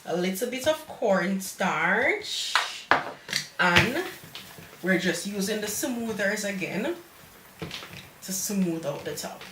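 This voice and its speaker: A woman's voice: medium pitch, animated, slow pace, long pauses, roomy sound, distant mic, heavy background noise. A woman with a Jamaican accent hosting a live cake-decorating tutorial, chatty and motherly as she gives viewers advice and calls them darling.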